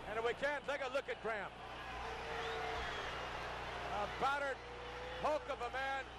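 A man's voice: very high voice, a little slow. A man calling live wrestling play-by-play in emphatic short phrases and formal wording, on a vintage television broadcast from an arena. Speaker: wrestling commentator. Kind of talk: live play-by-play sports commentary. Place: large indoor arena. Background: loud arena noise.

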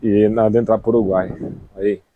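Out on the beach and dunes, a man in his thirties with a southern Brazilian accent talks loosely and informally to his camera, vlogger-style, using plenty of slang. He speaks at a moderate pace in a fairly low voice with little pitch movement. The action camera at arm's length captures phone-quality sound with no echo.

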